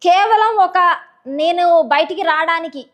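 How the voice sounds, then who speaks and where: High-voiced blunt Telangana woman. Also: slow, fairly bright tone. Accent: Telangana Telugu. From rural Telangana village. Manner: blunt, outspoken, impassioned. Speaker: guest, social media personality. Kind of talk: candid interview talk.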